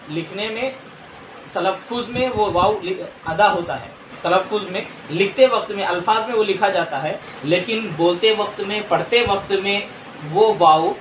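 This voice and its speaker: A man teaching Urdu spelling with a high voice and an unhurried pace. He spells words out letter by letter and explains patiently. He is recorded off-mic in a roomy, echoey space with faint noise behind him. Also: fairly bright tone, distant mic. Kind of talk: lesson.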